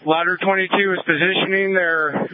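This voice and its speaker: A man's voice: high voice, steady tone, moderate pace. A man acting as the fire incident commander, giving direct orders to crews and dispatch over a two-way radio. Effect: heard over a two-way radio. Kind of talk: radio calls at a fire scene. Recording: tinny radio with light hiss.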